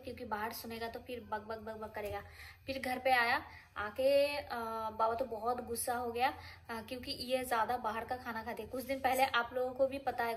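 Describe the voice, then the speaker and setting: A woman vlogging at home in a casual, rambling way, chatting straight to her viewers. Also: a little high. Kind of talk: casual vlog chat. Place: home, indoors.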